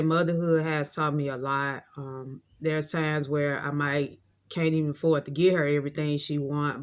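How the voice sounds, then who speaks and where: A woman in her late thirties telling a rambling, heartfelt story in a casual monologue, often repeating herself. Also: low-pitched. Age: 30s. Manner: heartfelt, reflective. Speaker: vlogger.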